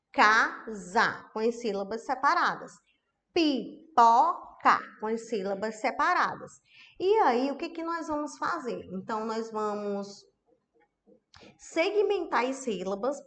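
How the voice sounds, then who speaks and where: A woman's voice: on the high side, fairly bright tone. A woman, an educational psychologist giving an online masterclass, chatty and often checking in with her audience. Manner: chatty, tag questions to the audience.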